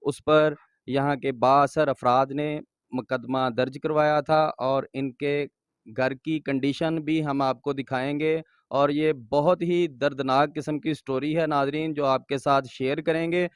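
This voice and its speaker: A man's voice: fairly high pitch, steady tone, a little slow, smooth, dry recording, studio quality. A male news reporter giving a formal field report, addressing viewers and asking short questions.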